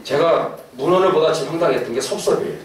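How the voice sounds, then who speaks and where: Middle-aged male lecturer, slightly high voice, animated and joking, caught from far off in an echoey hall. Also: quick pace, slight background noise. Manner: animated, laughing asides, questions to the audience. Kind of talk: lively lecture to an audience.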